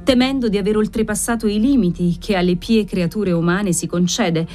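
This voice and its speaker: A woman reading a literary novel aloud in a measured, expressive storytelling manner. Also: mid-range voice, soft background music. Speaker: audiobook reader. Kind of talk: literary narration.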